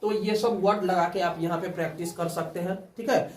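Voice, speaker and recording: A man's voice: high voice, steady tone, a little fast, a little mellow. A man teaching a spoken English class, drilling students with call-and-response prompts. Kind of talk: classroom lesson. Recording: roomy, from far off the mic.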